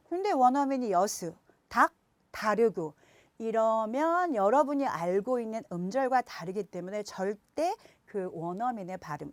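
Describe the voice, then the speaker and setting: A woman teaching phonics to parents, speaking to viewers directly and slowing down to sound out example words. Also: mid-range voice, a little mellow, no room sound. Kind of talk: explanatory lesson.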